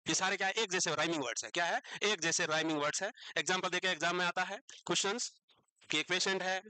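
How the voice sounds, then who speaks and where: A man's voice: a little high, pushed and bright, clear, resonant tone, dry recording, low-quality recording. A man teaching a classroom lecture, teasing the students and asking them questions, then repeating the answers himself.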